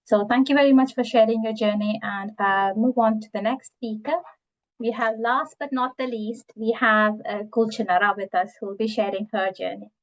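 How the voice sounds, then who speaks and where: A woman hosting an online panel. She speaks at a middle pitch, polite and measured. Her voice comes through slightly muffled video call audio. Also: fairly even intonation. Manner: courteous, measured, with some "uh"s. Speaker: event host.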